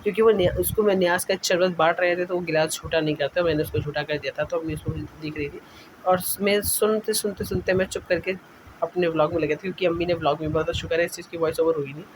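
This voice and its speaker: A young man talks through his home vlog in a casual, rambling voice-over, correcting himself as he goes. His voice sits a little higher than most men's. A clear hiss of noise runs under the recording. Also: fairly even intonation, fast talker, rough recording. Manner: chatty, rambling, self-correcting. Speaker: vlogger.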